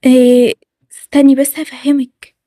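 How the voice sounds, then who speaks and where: A woman with an Egyptian accent voicing a middle-aged father caught stealing, who talks slowly and apologetically. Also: high voice, level tone, warm tone, no room sound, studio quality, close to an everyday voice. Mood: apologetic. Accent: Egyptian Arabic.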